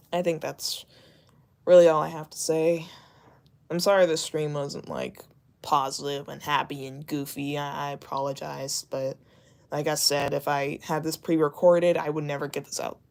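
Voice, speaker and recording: Candid streamer at mid pitch, halting speech full of fillers, gravelly fry. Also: flat delivery, darkish tone. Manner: halting, with many fillers and restarts; earnest, candid. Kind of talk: casual livestream talk.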